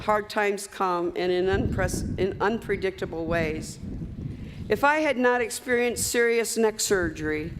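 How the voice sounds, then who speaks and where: A woman's voice: medium pitch, background noise. An older woman giving a commencement speech, telling folksy stories with asides to the graduates. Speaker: commencement speaker. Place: large hall at a graduation ceremony. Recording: reverberant hall with faint ambience.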